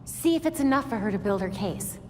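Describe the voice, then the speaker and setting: A woman voicing Batgirl, a determined young vigilante, speaking in an earnest, brisk and focused way. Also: fairly high pitch, lively intonation, a little mellow, close to an everyday voice. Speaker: game character. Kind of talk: video game cutscene acting. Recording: reverberant game mix with faint background noise.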